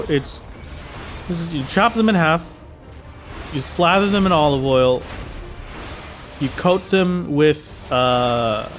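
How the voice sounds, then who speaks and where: An Irish man chatting casually on a live game stream, rambling with lots of "like" and "uh" fillers. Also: mid-range voice. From Ireland. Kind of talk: casual live-stream chat while gaming.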